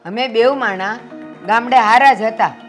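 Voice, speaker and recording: This is a woman acting as an older village mother who speaks. Her high voice turns scolding and aggrieved, and her complaints climb into shouting. She sounds like a film drama character. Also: measured pace, faint music behind, natural voice. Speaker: mother-in-law.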